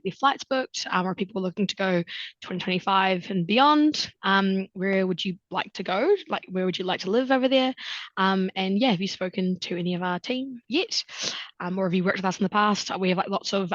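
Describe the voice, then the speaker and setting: A woman's voice: medium pitch, brisk, no room sound. A young woman hosts an online info session, chatty and loose, filling her talk with ums and likes. Her voice sits in a middle range and sounds dry. The video call audio is slightly muffled. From New Zealand. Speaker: recruitment consultant hosting a webinar. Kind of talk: casual webinar presentation.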